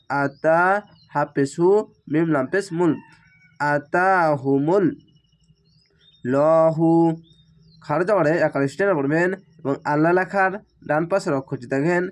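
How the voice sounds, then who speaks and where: Teacher spelling out Quran words. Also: male voice, on the high side. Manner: spells each letter and vowel, then slows to chant the whole word.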